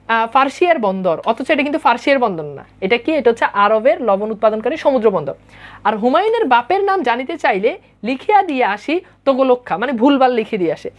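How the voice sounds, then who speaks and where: A woman, a teacher who reads old formal prose aloud and then explains it in casual speech, answering her students' live comments. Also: high-pitched. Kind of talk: explaining a Bengali text line by line.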